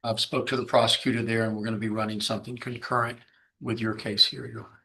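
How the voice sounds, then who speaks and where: A man's voice: fairly low pitch, level tone, fast talker, creaky, bright, forceful tone, a little hiss or hum, low-quality recording. A man speaking formally as a defense attorney, addressing a judge in court.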